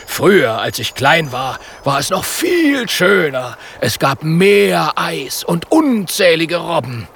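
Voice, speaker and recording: A man voicing a boastful, cheerful male polar bear in a storybook reading, with a gravelly voice that drops to a hushed whisper. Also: sing-song, slow pace, hardly any pauses, slight background noise, heavily acted. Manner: low hushed whisper when hunting.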